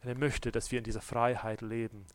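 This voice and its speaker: A man preaching a sermon, swinging between loud, urgent exhortation and quiet, close address, with direct questions to the listener. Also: medium pitch, level tone, fairly quick, no room sound. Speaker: pastor.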